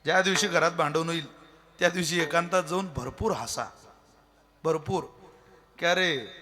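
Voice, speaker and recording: A man's voice: on the high side, normal speed, pushed and bright. A man giving a devotional sermon as a kirtan preacher, folksy and joking, throwing out rhetorical questions.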